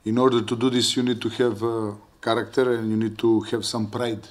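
A middle-aged man, a head coach, speaking at a post-game press conference in measured English with pauses. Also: mid-range voice, flat delivery. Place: press conference room, seated at a table. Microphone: table mic.

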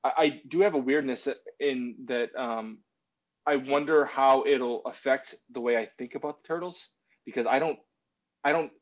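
A podcast co-host in his thirties chats casually over a video call from home, rambling and swearing. His voice is medium-pitched at a moderate pace, and the call audio is slightly dull and lo-fi.

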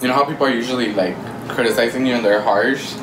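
A man's voice: mid-range voice, fast talker. A young man co-hosting a casual meal chat, chewing while talking. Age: young adult. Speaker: vlog co-host. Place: living room, indoors. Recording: roomy echo, music behind. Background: music.

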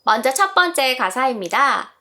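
A woman's voice: high voice, big pitch swings, moderate pace, pushed and bright. A woman in her thirties teaching parents an English nursery song, patiently showing how to shape each sound. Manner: clear, patient, demonstrating mouth shapes and sounds. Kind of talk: friendly pronunciation lesson.

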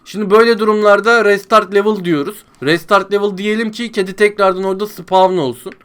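A man commenting on his own gameplay as a let's-play host, talking to his viewers like friends, grumbling in frustration and shouting when things go wrong. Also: sits high, steady tone, fairly quick, clean tone. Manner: exasperated, talks to viewers as friends, yells when panicking. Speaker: gaming YouTuber.

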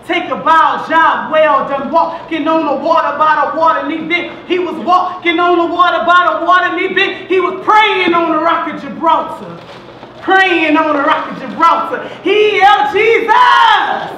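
A woman performing spoken word poetry on stage, rhythmic and rising to shouts. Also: sits high, slight background noise. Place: large hall. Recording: echoey hall from far off.

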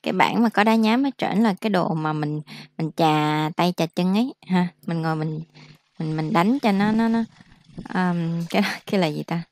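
A woman gives a casual vocabulary lesson in a lowish voice. She speaks slowly and repeats each word so learners can follow. The sound is dry and close. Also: no room sound. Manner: explains slowly, repeats words for practice. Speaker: English teacher.

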